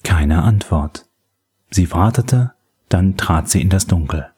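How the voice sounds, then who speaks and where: A man reading a thriller audiobook in a steady, suspenseful narration. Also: low voice, slow, breathy edge. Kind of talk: scripted narration.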